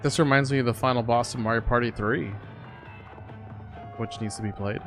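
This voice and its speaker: A woman's voice: extremely low pitch, a little fast. A woman playing a video game and co-hosting with casual, reactive commentary. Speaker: gaming co-host and player. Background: game music.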